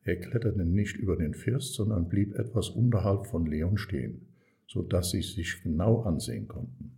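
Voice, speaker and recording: A man reading a children's story aloud as narrator, calm and measured. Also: low-pitched, vocal fry.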